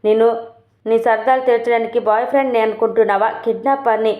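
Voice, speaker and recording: A bossy, quick-tempered young kidnapper snaps his gruff retorts, read out by a woman. The voice sits somewhat high, and the sound is tinny and echoey, as if from a phone in a bare room. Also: steady tone, natural voice. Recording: tinny, roomy phone-like recording.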